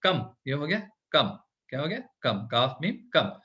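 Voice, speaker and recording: Bright-voiced man teaching Urdu. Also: a little high, sing-song. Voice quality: Hindi-English code-switching. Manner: patient, repeats words slowly and checks with "thik hai na". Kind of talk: online language lesson. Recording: dull lo-fi recording.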